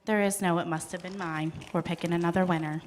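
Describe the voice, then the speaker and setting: A woman's voice: lowish voice, steady tone, fast talker, a little hiss or hum. A woman calling out raffle ticket numbers at a live event, with playful, chatty asides between the numbers. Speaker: raffle caller at a celebration event.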